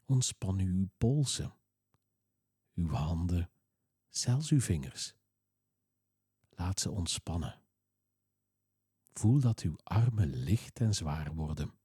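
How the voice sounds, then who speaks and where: A man reading a guided relaxation exercise in a slow, soothing, calm way. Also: deep voice, breathy edge, dry recording, clean studio sound.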